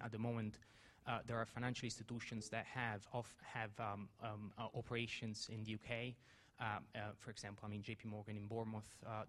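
A man with an Italian accent asks a question from the audience at a debate. He talks fast in a fairly flat voice, stumbling and repeating words as he searches for phrasing. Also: lowish voice. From Italy. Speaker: audience member asking a question. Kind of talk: spontaneous question at a public debate.

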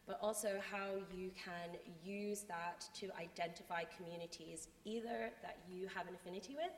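A woman's voice: lowish voice, normal speed. A woman who is a native English speaker, giving an earnest, articulate motivational talk with emphatic repetition. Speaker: conference speaker. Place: large reverberant room before a live audience. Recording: echoey hall with background noise.

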